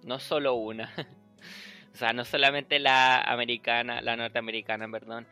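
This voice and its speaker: Bright-voiced man chatting casually on a podcast. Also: mid-range voice, flat delivery, moderate pace, faint music behind. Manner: rambling, heavy use of fillers like "o sea" and "eh"; mixes in English words. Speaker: podcast host.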